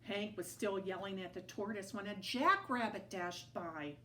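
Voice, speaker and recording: A woman reading a children's story aloud to toddlers in an expressive storytelling style. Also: mid-range voice, a little hiss or hum. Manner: slow, animated read-aloud.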